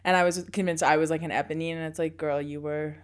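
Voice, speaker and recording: Young woman podcast cohost, kinda low voice, laughs a lot, acts out quotes. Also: fairly even intonation, racing. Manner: chatty, laughs often, acts out quotes in bursts. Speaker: podcast co-host. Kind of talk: casual chat.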